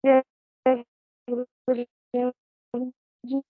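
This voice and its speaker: A woman from Uttar Pradesh speaks in halting, broken-off phrases over a bad call connection that keeps breaking up. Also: high voice, completely flat delivery, dry recording. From Uttar Pradesh, India. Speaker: participant introducing herself. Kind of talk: casual online meeting talk. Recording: tinny distant online call with faint music.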